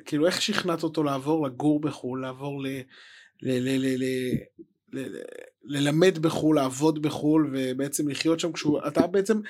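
A man's voice: a little high, darkish tone. A young man with an Israeli accent, casually interviewing his family as a host. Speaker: podcast host, interviewing parents.

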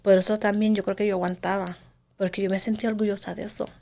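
A woman telling her own story in an interview, earnest and halting, often restarting her sentences and slipping in English words. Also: mid-range voice, flat delivery, dark tone. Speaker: guest sharing her story. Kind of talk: personal testimony in conversation.

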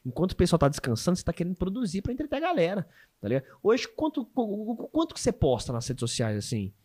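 A man hosting a casual interview, curious and animated, often stumbling and restarting questions. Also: high voice, fast talker. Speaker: podcast host.

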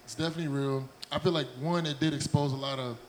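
A man's voice: a little high, steady tone, fast, a little hiss or hum. A man from New Jersey with an American accent, chatting casually as a guest on a talk show. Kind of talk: casual chat.

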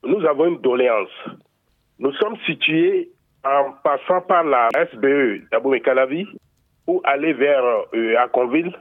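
Brief: man in a call-in caller role, heard over a telephone line, mid-pitched, formal and methodical, thin tinny phone sound. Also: a little slow. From Benin. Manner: formal, methodical, lays out directions step by step with small hesitations. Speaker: radio call-in listener. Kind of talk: phoned-in complaint to a radio show. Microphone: telephone handset.

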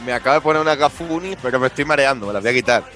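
A man's voice: mid-range voice, expressive, rapid-fire, fairly bright tone, faint music behind. A man from Seville co-hosting a casual podcast over a video call, tossing out slangy jokes. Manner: jokey, slangy. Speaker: podcast co-host.

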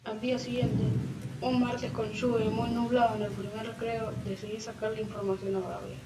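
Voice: mid-range voice, level tone, moderate pace. A storyteller earnestly reading a first-person story aloud at an uneven pace. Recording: roomy, from far off, faint noise.

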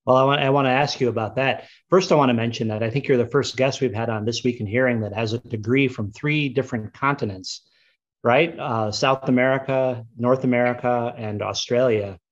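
Man, host, interview, measured, friendly, fillers, slightly muffled audio. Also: mid-range voice, steady tone. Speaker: podcast host.

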